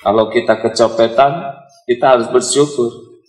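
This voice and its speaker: Joking preacher with a lilt. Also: male voice, mid-range voice, steady tone, moderate pace, a little mellow. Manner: humorous, teasing the audience, acting out prayers and quarrels. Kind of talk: sermon. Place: hall with a live audience. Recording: echoey hall.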